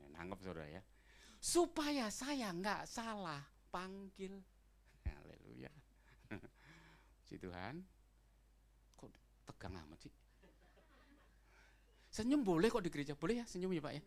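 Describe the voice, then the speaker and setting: A man's voice: mid-range voice, moderate pace, gravelly, pauses often. A male pastor, preaching a sermon and acting out everyday dialogues in casual slang. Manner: lively preaching, swings between loud calls and quiet asides; acts out little dialogues with casual Jakarta slang. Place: church service.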